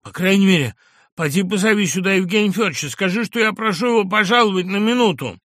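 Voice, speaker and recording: A man's voice: sits high, quick pace, a bit bright, dry recording, studio quality, pitched above the performer's own voice. A man reading as a trembling, pleading doctor. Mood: agitated. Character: shaken middle-aged male doctor, pleading. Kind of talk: audiobook reading.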